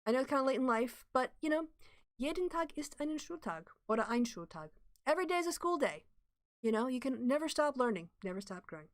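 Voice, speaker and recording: Quick and very animated, this high-pitched livestream host talks ideas through casually, restarting her thoughts, explaining and offering opinions as she responds to viewer comments. The audio is studio quality with no echo.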